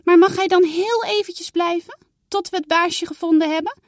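A woman's voice: extremely high pitch, moderate pace, dry recording, clean studio sound, pitched above the performer's own voice. A woman voicing Saar, a caring, sensible young girl in a read-aloud storybook, talking eagerly and earnestly.

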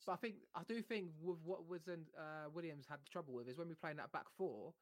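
A man's voice: a little high, quick pace, no echo. A man hosting a casual football chat, giving opinions and reasoning them out aloud. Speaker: football podcast host.

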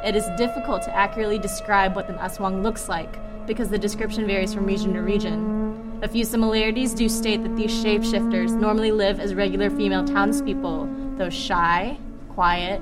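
A woman's voice: mid-range voice, normal speed. A woman giving a scripted, explanatory narration of folklore as a guest. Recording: prominent music under the voice. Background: loud music.

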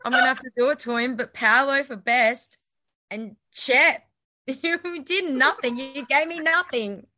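A woman joins a casual basketball podcast panel. Her voice sits a touch high and bright, and she teases in a playful, mock-scolding way. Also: a little slow. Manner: teasing and playful. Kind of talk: casual sports podcast chat.

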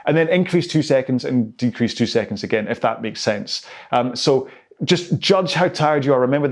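Chatty rowing coach. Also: male voice, mid-range voice, a little mellow. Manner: chatty, rambling, self-aware explanations. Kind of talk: workout instruction.

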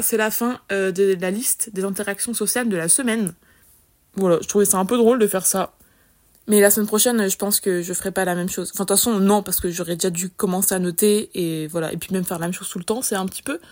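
Chatty young woman telling stories. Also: medium pitch. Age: young adult. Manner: chatty, lively, slangy, many fillers. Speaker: podcast host. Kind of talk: casual solo storytelling.

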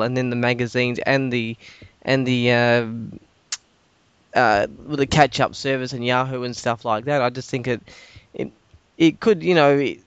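An Australian man hosting a casual discussion, speaking haltingly and repeating words as he goes. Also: medium pitch, clean tone, dry recording, muffled recording. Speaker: podcast host.

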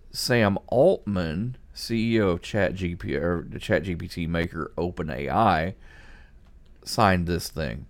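Slow, low-voiced man hosting a discussion. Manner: halting, repeats words as he thinks aloud. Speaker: podcast host. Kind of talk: conversational news discussion.

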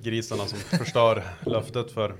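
A man's voice: fairly low pitch, little pitch movement, background noise. A man in casual podcast chat, reacting with short, dry quips.

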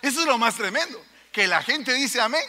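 High, lively preacher in a reverberant hall. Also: male voice, moderate pace. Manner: emphatic, addresses the congregation directly. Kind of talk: sermon.

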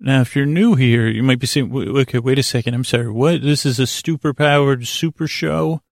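Fairly quick for a bedtime monologue, this creaky, mid-range male voice hosts a sleep podcast, rambling hesitantly and correcting himself while keeping a lulling, soothing feel. The clean studio recording has no room sound.

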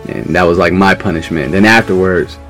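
On a podcast, a guest from New York with a very low voice tells a story a little fast, casual and animated. He acts out what others said and laughs along, over faint soft music.

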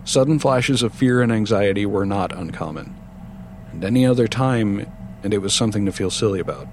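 Guy with a lowish voice reading a spooky story, steady and even. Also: brisk, a little hiss or hum. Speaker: narrator. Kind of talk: audiobook horror narration.

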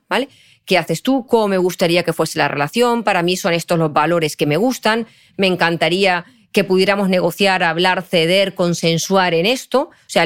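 A woman, a psychologist guest on a podcast, explaining in an expressive way and often checking in with her listener. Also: fairly low pitch. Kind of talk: podcast interview conversation.

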